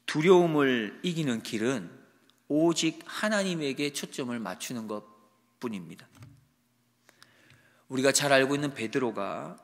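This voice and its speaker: Korean pastor preaching in a reverberant hall. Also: male voice, fairly low pitch. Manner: steady explanatory preaching with rhetorical questions. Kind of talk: morning devotional sermon. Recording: long reverb of a large hall.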